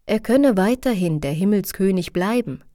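A woman narrating a religious book in an even, reverent reading style. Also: medium pitch, moderate pace, no echo, clean studio sound. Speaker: audiobook narrator. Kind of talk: scripted narration of a religious text.

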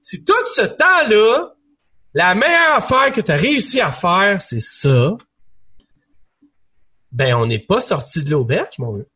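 A young man with a Quebec French accent, co-hosting a casual gaming chat, rambling and animated with many restarts. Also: sits high, unhurried, long pauses, breathy edge. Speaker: podcast co-host.

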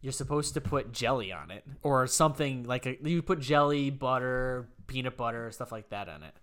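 A man co-hosting a casual podcast, full of teasing jokes and quick comebacks. His voice has a bright, sharp edge. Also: medium pitch. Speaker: podcast co-host. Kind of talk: casual chat.

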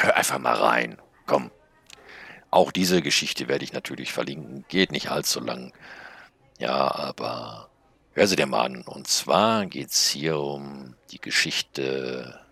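A man's voice: very deep voice, vocal fry, bright, forceful tone, husky, dry recording. A man hosting his channel, chatting casually and hesitantly with many fillers before and after reading a story aloud. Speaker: channel host reading stories.

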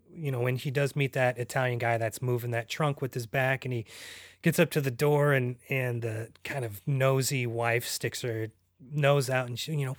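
On a podcast, a male co-host chats casually about a film, hesitantly searching for words with lots of ums and restarts. His mid-range voice is a bit bright, captured with studio quality and no room sound.

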